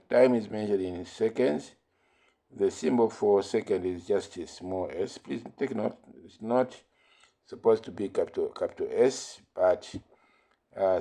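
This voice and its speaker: Slow, low-voiced male physics teacher. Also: dark tone. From Malawi. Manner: slow, repeats key points with fillers. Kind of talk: recorded classroom lesson.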